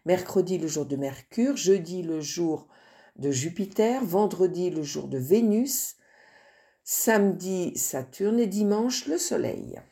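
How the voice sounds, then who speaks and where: A woman teacher recording a lesson from a textbook, slow and deliberate, spelling out each word with care. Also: on the low side, animated, vocal fry, warm tone.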